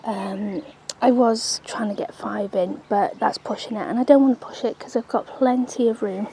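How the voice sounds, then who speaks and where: This allotment vlogger has a mid-range, warm voice with some vocal fry, speaking at a moderate pace as she tours her sunny outdoor plot. The narration is casual and rambling, with frequent ums; she's off screen, recorded on a handheld camera with a slight hiss or hum.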